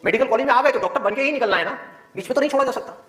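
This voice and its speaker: A male biology teacher giving a motivational talk to his students, with many rhetorical questions and a lively, persuasive manner. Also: very high-pitched, rapid-fire, roomy sound.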